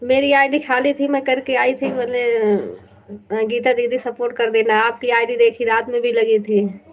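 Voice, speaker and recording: A woman's voice: on the high side, flat delivery, moderate pace, a little hiss or hum, rough recording. A woman chatting casually on a live stream through an earphone mic, teasing and laughing often.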